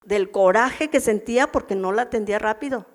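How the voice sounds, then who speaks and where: A woman's voice: medium pitch, fairly quick. A middle-aged woman with a Mexican accent, teaching a women's church meeting in a chatty, story-filled way and often checking in with the audience. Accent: Mexican Spanish. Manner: chatty, anecdotal, constant tag questions to the audience.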